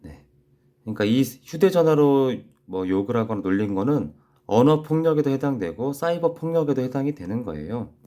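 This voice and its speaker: Man, elementary teacher, gentle and patient, animated pitch, warm tone, dictating rules to kids. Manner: gentle, patient, repeats key phrases slowly for dictation. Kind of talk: online class lesson for young children.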